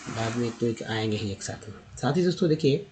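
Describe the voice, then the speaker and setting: A man whose first language is Hindi, teaching English pronunciation slowly word by word, repeating each word and spelling out its sounds. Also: medium pitch, expressive, darkish tone, a little hiss or hum, low-quality recording. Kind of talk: slow word-by-word pronunciation lesson.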